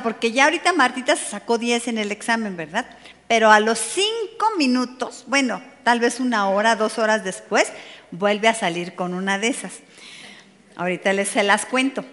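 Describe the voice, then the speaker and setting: In a church meeting hall with long hall reverb, a woman with a fairly high, slightly bright voice delivers a sermon to a women's meeting. She talks conversationally, addressing her listeners directly and tossing in playful asides.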